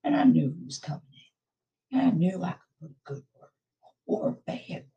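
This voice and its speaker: A woman playing a hoarse, sleazy office schemer. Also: big pitch swings, fairly quick, dark tone, lo-fi sound. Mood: sleazy, confiding. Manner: conspiratorial, confiding to listeners in a lowered voice. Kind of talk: comedy sketch monologue.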